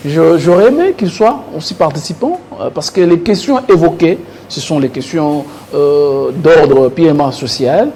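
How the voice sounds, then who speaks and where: In a clearly noisy studio, a man with a Congolese accent offers French political commentary on a debate panel. His voice is fairly high, expressive and mellow, at a measured pace with hardly any pauses, though he repeats words while searching for phrasing.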